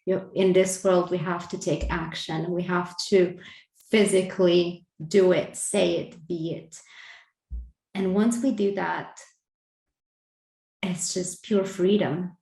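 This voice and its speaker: A woman's voice: fairly low pitch, fairly even intonation, takes it slowly, creaky, pauses often, dark tone. A woman co-hosting a casual spiritual conversation, earnest, laughing lightly between phrases and restarting her sentences. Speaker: podcast co-host. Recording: roomy echo.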